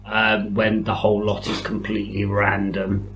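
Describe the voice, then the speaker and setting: Dry-witted co-host. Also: male voice, lowish voice, monotone, normal speed, fairly bright tone, a little hiss or hum, low-quality recording. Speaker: podcast co-host. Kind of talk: casual podcast chat.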